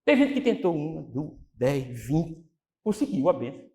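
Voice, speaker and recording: A man preaching a sermon as pastor, animated, acting out quotes and putting questions to the congregation. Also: a little high, normal speed, creaky.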